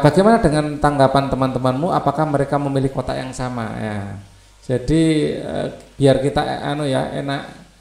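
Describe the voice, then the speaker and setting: A man's voice: mid-range voice, gravelly, a little mellow, roomy sound. A male teacher, reading textbook passages aloud and explaining them in loose asides.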